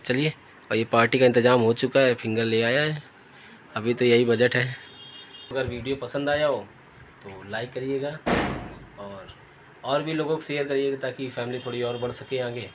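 A man's voice: mid-range voice, steady tone, moderate pace, pauses often, background noise. A young man chatting casually in a vlog, recorded on a phone camera, laughing at himself now and then. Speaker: vlogger.

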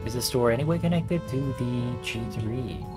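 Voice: medium pitch, normal speed, over loud music. A person doing casual, profane video game commentary, wryly bantering back at the characters. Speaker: gameplay commentator.

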